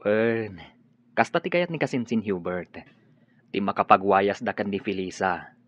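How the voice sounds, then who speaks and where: An easygoing Ilocano gentleman in a radio drama, matter-of-fact and confiding. His lowish voice is a little rough, in dull sound over faint music. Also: a little slow, dry recording.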